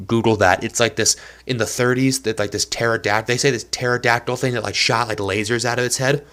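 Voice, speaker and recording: With a medium-pitched, steady, fairly bright voice, a young podcast host talks fairly quickly on his casual solo show. He records from a small apartment, rambling and self-deprecating, his nose blocked by allergies.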